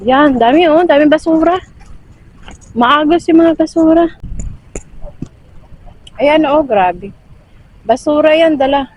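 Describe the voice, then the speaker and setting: A woman's voice: sits high, slow pace, pauses often, highs cut off. A woman from the Philippines walking outdoors by a river, chatting to viewers and exclaiming often into a handheld phone. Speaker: vlogger. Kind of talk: casual walking vlog.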